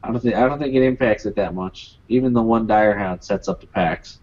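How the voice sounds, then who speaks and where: A man co-hosting card game commentary in a relaxed, wry tone. His audio sounds dull and slightly muffled. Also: fairly low pitch, fairly quick, breathy edge.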